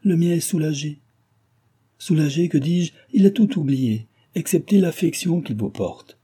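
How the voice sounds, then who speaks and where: A man voicing a frail, gentle young woman, ill in bed, speaking softly and tenderly in a read-aloud novel. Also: normal speed, breathy edge, lightly acted. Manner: soft, tender, raised pitch.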